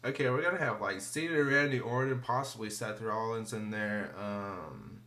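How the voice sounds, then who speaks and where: A wrestling vlogger talks at normal speed in a lowish voice with a bright, forceful tone. His casual review meanders with profanity, slang and fillers, regularly fading out into mumbling.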